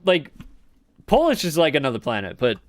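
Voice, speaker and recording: A man's voice: fairly high pitch, huge pitch swings, normal speed, no room sound. A man developing a game live, joking with his viewers and mumbling through code as he debugs, rambling with chuckles. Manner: talks to viewers in chat; mumbles quietly while debugging. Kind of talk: casual live coding chat.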